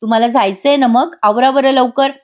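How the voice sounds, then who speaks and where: A woman's voice: sits high, steady tone, normal speed, a little mellow, lightly acted. A woman voicing a hurt, stubborn young wife with firm, clipped refusals. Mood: evasive.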